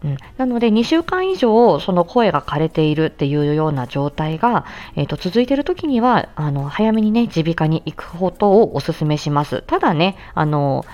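A woman speech-language therapist gives a casual explainer. Her voice sits fairly low, but her pitch swings widely and animatedly. She talks chattily and often pauses to think mid-sentence. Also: big pitch swings, darkish tone, highs cut off, faint music behind.

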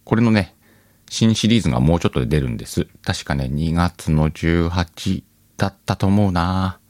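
Faint music plays under a man's low, darkish voice, delivered at a moderate pace with no echo. He's the host of an audio channel, talking casually and reflecting aloud to listeners in a solo radio-style chat.

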